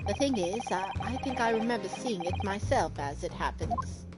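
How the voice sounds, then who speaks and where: A woman streaming a relaxed let's play performs the game's dialogue dramatically, then drifts into casual side comments. She has a medium pitch, lively intonation, and normal speed, and loud game music sits in the background.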